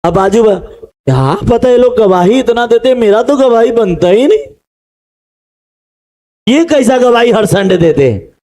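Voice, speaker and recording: A man's voice: very high-pitched, unhurried, long pauses. A man preaching a sermon to a congregation, acting out voices and calling for responses. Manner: animated preaching, calls out to the congregation and acts out the crowd. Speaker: pastor.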